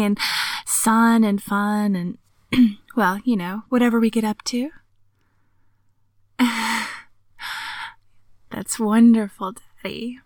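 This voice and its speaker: A woman voicing a playful, teasing young woman just out of school, talking close to the mic in a breathy whisper with frequent giggles. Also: mid-range voice, no room sound, close to an everyday voice. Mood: cheerful. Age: young adult. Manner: giggly, coaxing, slow and drawn-out. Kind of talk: intimate audio roleplay.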